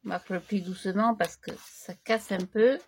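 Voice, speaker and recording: A woman hosting a crafting tutorial, chatting casually as she works, slightly hoarse and clearing her throat now and then. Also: medium pitch, steady tone, slight background noise. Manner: slow, chatty, talks to herself while working.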